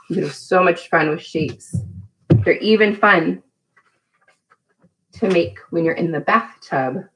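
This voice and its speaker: A woman in her thirties, working as a preschool teacher, leads a children's storytime with songs in a small room at home. Her voice is lowish and a bit bright, and she speaks encouragingly while asking simple questions. The recording quality is low.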